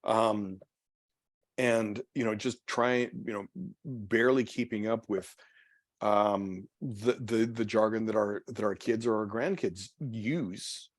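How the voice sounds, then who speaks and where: A pastor leading a church study group, talking casually and haltingly with many restarts and repeated words. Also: male voice, lowish voice, no room sound, clean studio sound. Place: church meeting room.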